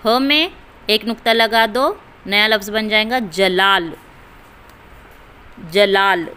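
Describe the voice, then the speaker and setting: A woman's voice: medium pitch, slow, bright, forceful tone, clear, resonant tone. A woman teacher leading a reading lesson, sounding out words letter by letter and repeating each one for her pupils. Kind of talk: slow classroom reading lesson.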